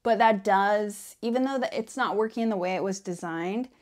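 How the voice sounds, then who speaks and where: Woman as a quirky female devil, ASMR role-play, rambling, playful deadpan, medium pitch. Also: moderate pace, lightly acted. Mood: rambling, exasperated. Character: quirky female devil welcoming a newcomer to hell.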